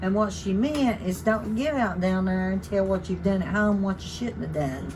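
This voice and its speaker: A woman's voice: medium pitch, expressive, measured pace, darkish tone, low-quality recording. An older woman with an Appalachian accent, chatting and telling stories in a folksy, colloquial way. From Appalachia, United States. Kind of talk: casual storytelling about local sayings. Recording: clear background noise.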